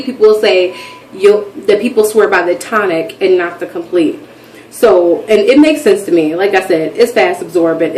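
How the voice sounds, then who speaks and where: A woman in her thirties chatting in a rambling, animated way for her video diary. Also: mid-range voice, recorded from a distance. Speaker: vlogger. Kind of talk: casual chat. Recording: echoey room, voice from off mic, faint background noise.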